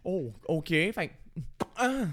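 A man's voice: on the high side, normal speed. A man with a Quebec French accent, co-hosting a podcast and animatedly telling dad jokes. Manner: animated storyteller. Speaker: podcast co-host. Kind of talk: casual joke-telling chat.

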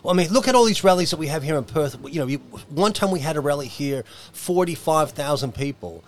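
Blunt Australian man, slightly high voice. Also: expressive, fast talker. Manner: blunt, colloquial. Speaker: podcast panellist. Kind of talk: casual chat.

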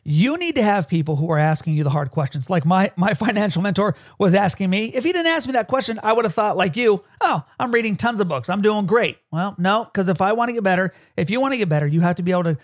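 High-voiced man coaching on a podcast. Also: lively intonation, fast, hardly any pauses, no room sound, studio quality. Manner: chatty, laughs often, keeps asking "right?". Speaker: podcast host and leadership coach. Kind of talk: casual podcast chat.

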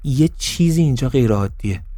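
A man voicing a calm, stern older police colonel who gives measured, firm commands. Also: medium pitch, a little hiss or hum, lightly acted.

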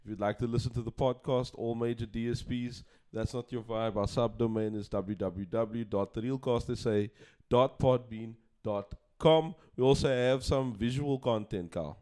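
A South African man with a clean, resonant voice of medium pitch co-hosts a podcast. He banters casually in a laddish way, leaning on bro slang. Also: moderate pace, hardly any pauses, darkish tone, clean tone. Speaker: podcast co-host.

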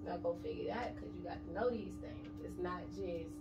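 Gravelly and lowish, her voice moves a little fast as this thirty-something woman talks casually and bluntly about money and her children in an interview. Her delivery is emphatic and streetwise. Background noise, room echo and a far-off microphone color the audio.

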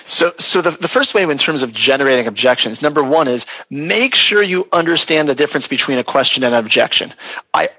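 A man's voice: fairly high pitch, lively intonation, fairly quick, bright, forceful tone, no room sound, low-quality recording. A man, a real estate agent, explaining how to handle client objections in an earnest, practical teaching tone during a webinar interview.

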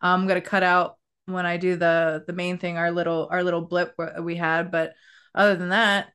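A woman's voice: on the low side, level tone, fairly bright tone, smooth. Chatty woman podcast host on a call. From Maryland, US. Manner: chatty, friendly, with halting restarts. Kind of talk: casual chat. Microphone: video call.

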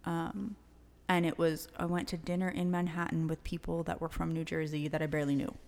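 Animated woman podcast co-host. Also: low-pitched, brisk, in a large hall. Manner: animated storyteller, frequent likes. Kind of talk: casual chat.

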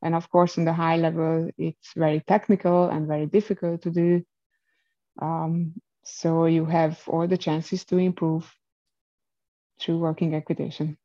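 A woman's voice: deep voice, flat delivery, a little slow, mellow, muffled recording. A woman from Hungary with a Hungarian accent, explaining in a conversational interview and searching for words as a non-native speaker. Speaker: interview guest, equestrian rider.

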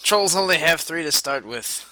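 A man co-hosting a game podcast, teasing the others in a casual, joking way. His voice sits a bit high and bright, and it sounds dry and close. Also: expressive, normal speed, no echo, rough recording. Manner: teasing, laughs often. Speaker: podcast co-host.

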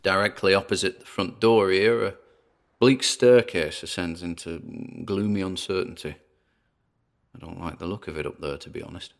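Playing a paranormal investigator who's wary yet chatty, a British man narrates his exploration for a podcast-style audio drama in a low voice with vocal fry, at a moderate pace. He keeps things wry and talkative, adding theatrical asides.

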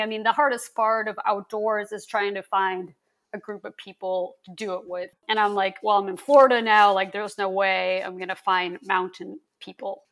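Woman from lithuania, podcast guest, tells stories all animated and chatty. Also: mid-range voice. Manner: lively storyteller, animated. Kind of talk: casual interview chat.

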